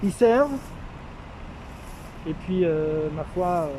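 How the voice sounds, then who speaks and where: A man speaking through a face mask, slightly muffled, giving an informal, halting video update with drawn-out hesitations. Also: high voice, lively intonation, mellow. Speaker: street medic caring for a homeless man. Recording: noisy outdoor street with traffic.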